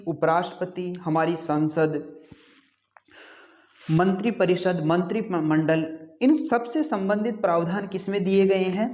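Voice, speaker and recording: A man teaching an exam-prep class, who asks rhetorical questions, answers them himself and repeats key terms. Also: high-pitched. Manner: repeats key terms, says "ठीक है" often.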